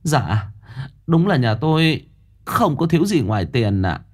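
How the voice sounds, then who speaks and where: An anxious, wealthy middle-aged mother in a told ghost story, pleading politely and fawning over the fortune-teller. Her voice is raised and softened, as a man narrates her. She speaks with nervous deference. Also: on the high side, big pitch swings, unhurried, husky, pitched above the performer's own voice, full character voice.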